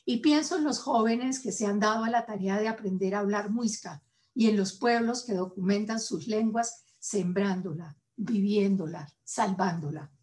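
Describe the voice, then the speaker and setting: A woman with a Colombian Spanish accent hosts and gives a formal scripted address, measured and solemn with deliberate pauses. Her voice is medium in pitch and a little mellow.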